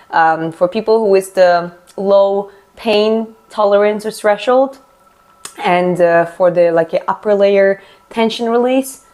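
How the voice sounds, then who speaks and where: On a casual live stream, a Georgian woman with Russian as her native language stretches while responding to viewer comments and explaining herself, frequently starting her words over. Her voice is lowish and dark in tone.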